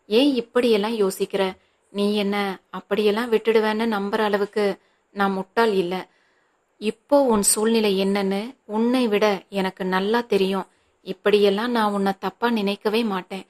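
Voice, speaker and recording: A worn-out, loving mother soothes her son in a soft, tired way, as a woman reads her part in an audiobook. The voice stays level and even. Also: medium pitch, moderate pace, lightly acted. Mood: reassuring. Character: worried, tender mother reassuring her son.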